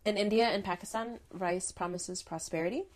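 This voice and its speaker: A woman's voice: mid-range voice, brisk, slight background noise. A young adult woman co-hosting a podcast in casual chat, giggling often and reading out facts between jokes. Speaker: podcast co-host.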